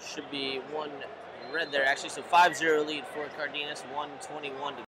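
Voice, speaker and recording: A man's voice: on the high side, moderate pace. Man calling a wrestling match. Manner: steady, informative play-by-play. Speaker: wrestling commentator. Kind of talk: play-by-play commentary. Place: large indoor sports hall. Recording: arena noise behind. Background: crowd and arena noise.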